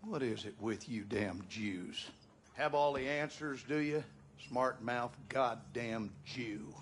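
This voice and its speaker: An actor playing a bitter, abusive husband in a video game, with a Southern American accent and a menacing, aggrieved delivery. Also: male voice, mid-range voice, slow pace, a little hiss or hum, lightly acted. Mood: threatening. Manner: menacing, aggrieved, folksy cursing. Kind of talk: dramatic video game acting.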